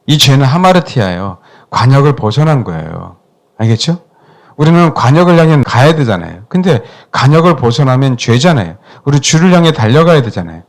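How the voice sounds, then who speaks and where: A man's voice: mid-range voice, sing-song, brisk. A middle-aged male pastor preaching a sermon, pressing the congregation with emphatic questions and calls for amens.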